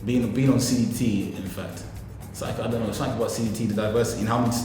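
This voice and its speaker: A man's voice: fairly low pitch, steady tone, rapid-fire. A man giving earnest interview talk, emphatic and circling back over his phrases. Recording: very echoey hall, faint music.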